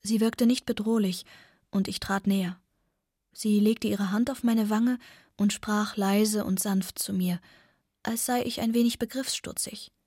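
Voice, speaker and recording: A woman reading a first-person novel aloud, soft and often close to a whisper. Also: mid-range voice, fairly even intonation, measured pace, husky, no room sound. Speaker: audiobook narrator.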